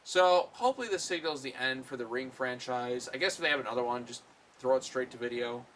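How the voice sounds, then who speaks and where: Bright-voiced man reviewing a movie. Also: medium pitch, a little fast. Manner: rambling, filler-heavy, blunt with swearing. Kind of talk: casual spoken film review.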